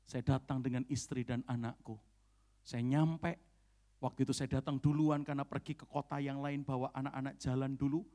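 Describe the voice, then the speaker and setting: A middle-aged man, preaching a lively storytelling sermon in a church hall, often tagging his sentences with "saudara, ya" and acting out the people he quotes. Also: medium pitch. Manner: animated storytelling, many "saudara, ya" asides, acts out quoted dialogue. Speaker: pastor.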